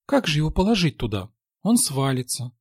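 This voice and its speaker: A reproachful, anxious young wife, as a male narrator voices her, lifted a little higher than his own voice. Husky and dry, read close to the mic. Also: very animated, brisk, no room sound, heavily acted.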